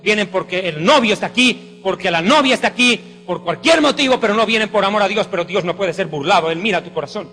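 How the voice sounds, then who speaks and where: A man preaches a fiery sermon, his voice high and bright as it rings through a long-reverb hall. Faint music plays softly underneath him. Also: animated, fast, hardly any pauses. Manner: fervent, exclamatory preaching.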